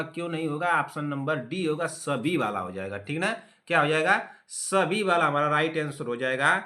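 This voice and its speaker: A man's voice: fairly high pitch, sharp tone. A young man from teaching an online exam-prep class, scolding and teasing students and repeating key words over and over.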